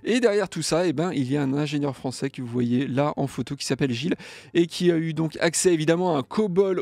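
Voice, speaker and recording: A young man hosts a music gear news show, chatting casually and jokily reading viewer comments, lively and playful enough to sing some of them. His voice is a little high with vocal fry, in a dry recording.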